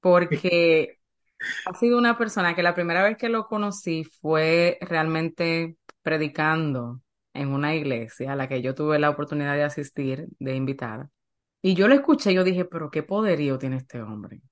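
A woman's voice: low-pitched, normal speed. A middle-aged woman hosting a faith-based podcast as an eating coach, talking in an emphatic, heartfelt way.

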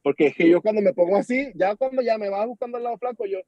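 A young Venezuelan man with a Venezuelan accent, chatting as a podcast guest and telling an animated story while acting out the dialogue. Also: sits high, fast talker, dry recording. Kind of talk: casual chat. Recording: dull lo-fi sound.

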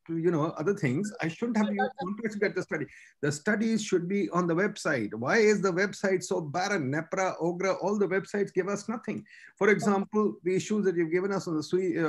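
Insistent Pakistani man moderating, slightly high voice. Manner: blunt, insistent, presses with repeated questions. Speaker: panel discussion moderator. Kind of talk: webinar discussion, questioning panelists.

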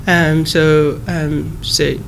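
A woman in her thirties who grew up in East Africa, a guest answering interview questions in a measured, careful way with frequent pauses and restarts. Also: sits low, flat delivery, creaky, a little hiss or hum. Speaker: guest, human rights advocate.

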